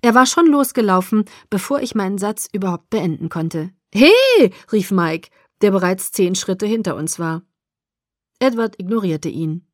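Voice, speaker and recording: A woman's voice: medium pitch, normal speed, a little mellow, no echo, clean studio sound. Woman narrating a first-person audiobook.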